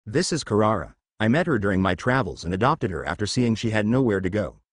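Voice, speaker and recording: A man voicing a calm young male hero who speaks earnestly in a storybook reading. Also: lowish voice, fast, no echo, clean studio sound.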